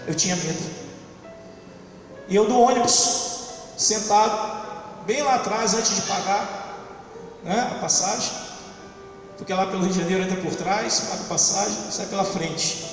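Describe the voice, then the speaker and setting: Guy preaching his testimony, high voice, very echoey church hall, kinda distant mic. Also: a little slow, long pauses, soft background music. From São Luís, Maranhão, Brazil. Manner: dramatic storytelling with repetition. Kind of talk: testimony sermon.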